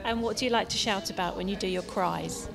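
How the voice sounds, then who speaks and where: A woman's voice: medium pitch, a little fast, vocal fry, faint music behind. A woman interviewing people casually at an event, asking short, simple questions. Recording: crowd chatter outdoors. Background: crowd at an outdoor event.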